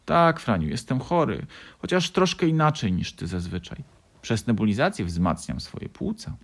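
A jovial old grandfather fox from a children's storybook, chuckling and warm-hearted, put on by a man. The voice sits well up, with a gravelly, breathy grain. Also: medium pitch, very animated, moderate pace, pitched above the performer's own voice. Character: cheerful old grandfather fox, former pilot.

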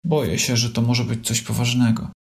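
A man's voice: mid-range voice, fairly even intonation, moderate pace, gravelly, lightly acted. A man voicing a caring, anxious mother fox who fusses and scolds. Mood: worried. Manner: worried, fussing.

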